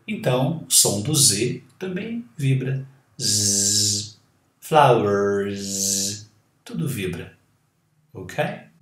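A Brazilian man who speaks Portuguese natively, teaching English grammar and slowly repeating each example word. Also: mid-range voice, sing-song, reverberant. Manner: models words slowly and repeats them. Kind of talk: slow, deliberate grammar lesson.

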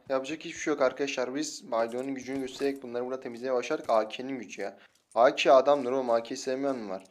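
A young man with a Turkish accent giving casual, excitable gameplay commentary and taunting opponents as he plays. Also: medium pitch. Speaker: mobile game streamer. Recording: noisy with loud gunfire behind.

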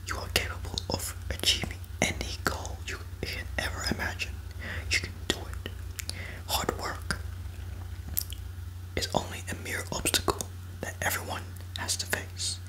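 A young man speaks entirely in a whisper at an unhurried, slow pace. He delivers ASMR affirmations in a soothing, encouraging way, close up in a small room. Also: sharp tone, low-quality recording. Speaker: ASMR channel host.

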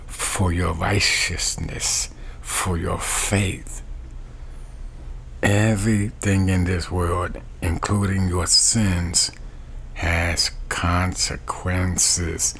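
A middle-aged man preaching a webcam sermon from a small bedroom, with a slow, repetitive preaching cadence. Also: deep voice, gravelly, a bit bright, slight background noise. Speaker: street preacher.

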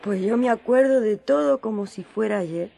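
An actress playing Mary, the elderly mother of Jesus, who talks in a homely, gently teasing way in a radio drama. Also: on the high side, normal speed, vocal fry, a little hiss or hum. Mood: nostalgic, affectionate. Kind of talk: radio drama acting in colloquial Spanish.

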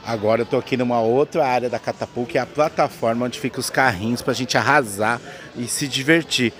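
A man's voice: mid-range voice, fairly quick, a bit bright. A Brazilian man, playful and slangy, giving an informal on-location video report into a handheld microphone, addressing viewers directly. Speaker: reporter, presenter. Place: outdoors at an amusement park. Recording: clear outdoor ambient noise.

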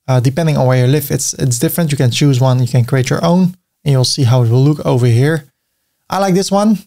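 With a warm, mid-range voice at a slightly fast pace, a middle-aged man from the Netherlands hosts a screen-recorded website tutorial in his Dutch accent. He clicks through his screen in a friendly, conversational way, making small jokes.

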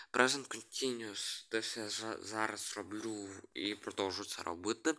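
Bright-voiced man hesitantly walking through slides. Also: lowish voice. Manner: hesitant, reading letters one by one, many restarts. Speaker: hobbyist presenting a made-up language. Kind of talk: screen-share explainer.

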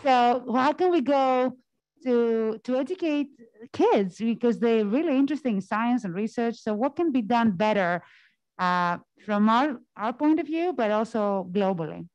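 A woman's voice: on the high side, expressive, a little slow, darkish tone, dry recording, highs cut off. A woman with a Greek accent asking a question from the audience at a seminar, hesitant and searching for words.

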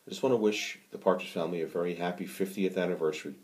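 A man's voice: deep voice, steady tone, racing, a little mellow. A man recording a heartfelt video greeting as a fan, on a phone or webcam in a dim room. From Ireland.

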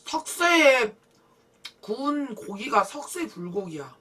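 A woman's voice: on the high side, slow, slightly rough. A woman in her forties hosting an eating show, chatting casually with her mouth full of meat. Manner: relaxed, talks between bites. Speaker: mukbang host. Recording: slightly distant mic with faint noise.

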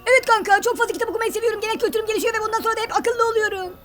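A man voicing a bookish male mannequin who talks very fast in a high, squeaky voice. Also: fairly even intonation, a bit bright, soft background music. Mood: rapid, silly.

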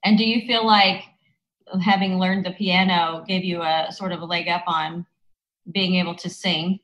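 A woman's voice: fairly low pitch, fairly even intonation, moderate pace, a bit bright, highs cut off. A woman interviewing a guest, enthusiastic and prone to restarting her questions. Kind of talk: casual interview.

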